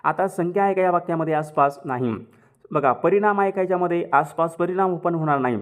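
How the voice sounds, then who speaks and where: Male teacher, high voice, quizzes then answers, repeats key words. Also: fairly quick. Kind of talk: exam question walkthrough.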